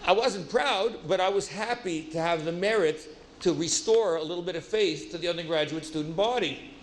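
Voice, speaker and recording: A man giving a storytelling lecture, lively, acting out dialogue and adding self-deprecating asides. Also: high-pitched, moderate pace. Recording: roomy hall with faint ambience.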